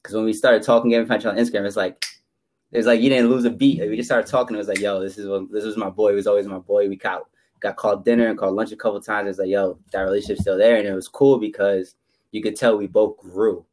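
Podcast co-host, male, twenties: rapid, informal, emphatic delivery in a lowish register. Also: steady tone, darkish tone, slight background noise. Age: 20s. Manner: emphatic, repeats himself for stress. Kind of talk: casual chat.

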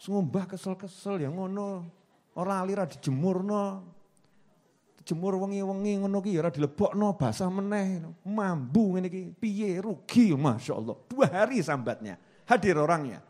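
A high-pitched man in his forties with a Javanese accent delivers a sermon. He talks in a lively, teasing way, repeating words for effect and slipping into local dialect. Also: normal speed. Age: 40s. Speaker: preacher. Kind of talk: sermon to a congregation.

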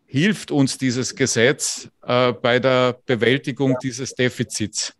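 Guy moderating a panel, slow careful reading, dead dry sound. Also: mid-range voice, steady tone, dry recording. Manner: deliberate, reads quotes aloud word for word.

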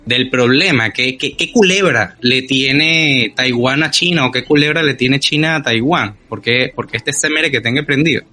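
A man's voice: mid-range voice, normal speed, hardly any pauses, sharp tone. A Venezuelan man co-hosting a podcast, chatting animatedly and repeating words as he gets going. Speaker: podcast co-host. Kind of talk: casual chat.

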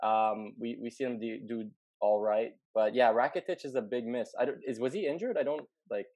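A man's voice: mid-range voice, fairly quick, a little mellow, no echo. A man co-hosting a casual football chat, thinking aloud and hedging his opinions. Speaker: podcast co-host.

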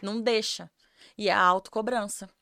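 A woman's voice: medium pitch, steady tone, moderate pace, creaky, pushed and bright, dry recording, clean studio sound. A woman, a podcast guest telling her own story in a candid, earnest way and repeating words for emphasis. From Campo Grande, Brazil. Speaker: podcast guest, tanning professional.

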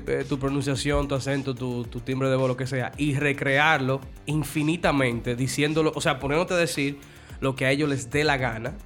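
A man's voice: on the high side, fairly bright tone. A man with a Dominican accent, co-hosting a podcast in a loose, joking, slangy way. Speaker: podcast co-host. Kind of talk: casual chat.

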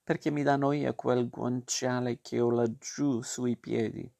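A man's voice: medium pitch, fairly even intonation, slow, gravelly, dark tone. A man reading a storybook aloud and voicing a stubborn, whiny wooden puppet boy in a raised voice. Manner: whiny, protesting.

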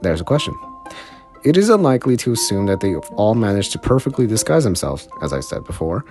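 A man's voice: fairly low pitch, big pitch swings, fairly quick, warm tone, soft background music. A man hosting a casual solo podcast, rambling and self-mocking, stumbling over words and laughing at himself. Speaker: podcast host.

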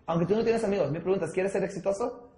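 A man coaching a small group on sales, acting out pitches with a trainee and often dropping English words into his Spanish. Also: fast, warm tone. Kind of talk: sales training talk with role-play. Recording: echoey room.

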